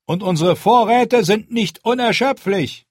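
A man voicing a stern young male commander who gives a forceful, rallying speech in an audiobook. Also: high-pitched, measured pace, slightly rough, no room sound, clean studio sound, voice pushed up. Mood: firm. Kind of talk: audiobook character voice.

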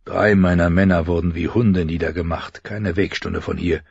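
Audiobook: man as tired stern lord-father, low, husky. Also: fairly even intonation, no echo, highs cut off, heavily acted. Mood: weary. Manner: tired, firm, measured. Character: weary middle-aged lord and father, stern.

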